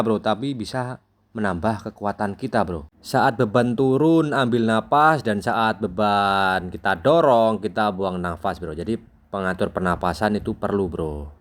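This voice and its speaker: A young man narrating a casual gym vlog like a gym bro, addressing the listener as bro all the time. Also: fairly low pitch. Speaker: fitness content creator.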